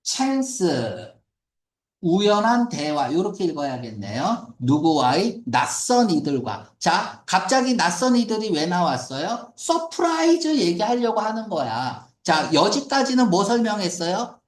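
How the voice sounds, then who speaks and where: Male english reading teacher, lively pitch that rises and falls, asks the class questions, echoey room. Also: measured pace. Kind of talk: lecture on a reading passage.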